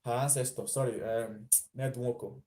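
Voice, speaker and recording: This Nigerian vlogger has a warm, medium-pitched voice with fairly even intonation and a normal pace. Chatting casually, he mixes in Pidgin and laughs at the things he says.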